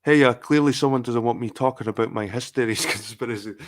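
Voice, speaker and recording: Hosting a casual live chat stream, a middle-aged Englishman delivers a profane, meandering rant full of repetition. He talks at a quick pace in a mid-range voice.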